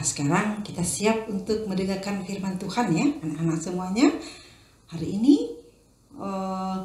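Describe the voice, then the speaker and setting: A woman's voice: mid-range voice, a little mellow, reverberant. A woman teaching children, leading a prayer and telling a story with sound effects and acted voices.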